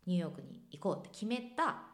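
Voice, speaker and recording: Lively woman telling a story. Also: on the low side, fast talker. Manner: animated, expressive storyteller. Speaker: singer, interview guest. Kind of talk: casual storytelling interview.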